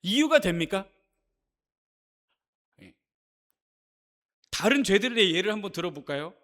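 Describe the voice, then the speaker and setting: A man's voice: high-pitched, fairly bright tone. A male pastor giving a Sunday sermon in a church, emphatic and firing off rhetorical questions at the congregation. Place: church sanctuary.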